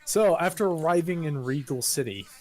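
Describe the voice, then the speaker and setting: A man's voice: a little high, lively intonation, normal speed, a little mellow, rough recording. A man running a tabletop game as game master, narrating in a casual, loose way. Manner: casual, swears freely, hesitant fillers.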